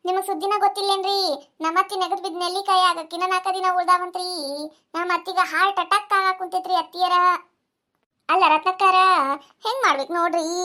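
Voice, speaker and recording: A woman's voice: very high voice, bright, forceful tone. A woman with a North Karnataka Kannada accent voicing a scheming young daughter-in-law in a cartoon, whiny and melodramatic. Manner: whiny, melodramatic, fast rural chatter. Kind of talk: cartoon voice acting.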